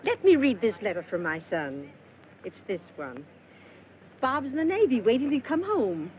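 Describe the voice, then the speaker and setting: A woman's voice: a little high, very animated, normal speed, darkish tone, muffled recording, slight background noise. An actress playing an eager, chatty mother who offers a story, in 1940s film acting.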